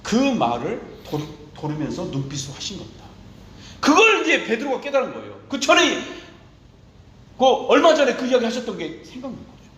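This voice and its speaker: Impassioned male pastor, high lively voice. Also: brisk, roomy sound, a little hiss or hum, poor audio. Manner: impassioned, voicing Jesus in tender quoted speech. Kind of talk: sermon.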